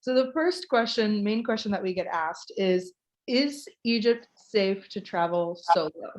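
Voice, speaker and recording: An American woman from Florida, working as a host and tour ambassador, runs a live online Q&A over a video call. She's chatty and informal, reading out listener questions. Her voice is mid-range and her pace measured.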